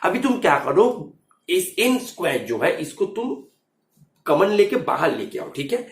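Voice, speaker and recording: A man's voice: high voice, very animated, normal speed, reverberant. A man teaching math, explaining an exam solution step by step and often checking if students follow, mixing English terms into his Hindi.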